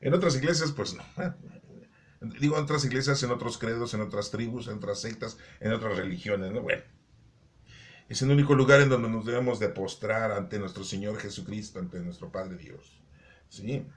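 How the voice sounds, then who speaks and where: A man's voice: fairly low pitch, moderate pace. A man explaining the day's Bible readings in a casual, joking way, with asides and rhetorical questions. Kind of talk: conversational Bible commentary.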